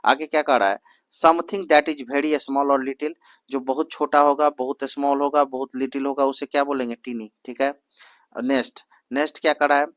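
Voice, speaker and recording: Tutor drilling answers, dry close sound. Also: male voice, medium pitch, flat delivery, fairly bright tone, no echo. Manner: repeats answers and asks "what is it called?" drill-style; reads English prompts slowly and word by word. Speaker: exam coaching teacher. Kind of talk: Hindi exam-prep lesson mixed with English.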